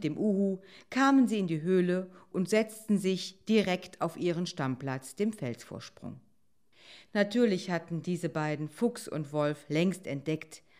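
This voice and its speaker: A woman calmly reading a children's animal story aloud as narrator. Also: on the low side.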